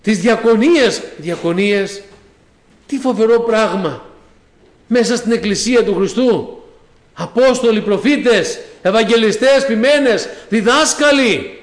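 A man with a very high voice preaches a fervent sermon. He calls the listeners brothers and sisters and often breaks in with amen and hallelujah. His voice rings in an echoey church hall.

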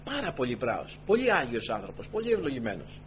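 A man's voice: medium pitch, slight background noise. A man preaching a sermon to his congregation, telling stories with many asides. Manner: animated storytelling with many asides.

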